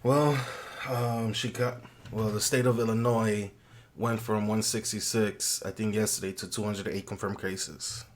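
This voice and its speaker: A man's voice: lowish voice, little pitch movement, measured pace. A man sick with the flu and a swollen throat, chatting casually and bluntly as a podcast co-host. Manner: blunt, freely swearing.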